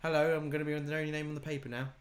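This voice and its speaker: A man's voice: on the high side, level tone, rapid-fire. A man co-hosting a casual political debate, blunt and interjecting, with casual slang. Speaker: political talk show co-host.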